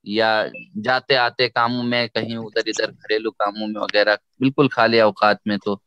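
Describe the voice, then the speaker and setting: A man with an Urdu accent teaching a Quran recitation lesson online, slowly and patiently modeling sounds for a student to repeat. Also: fairly low pitch, level tone, a bit bright, muffled recording, a little hiss or hum.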